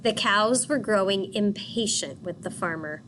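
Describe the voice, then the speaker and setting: A woman teacher reading a picture book aloud and pausing to ask children questions. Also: mid-range voice, noisy background. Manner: patient, asks questions for children.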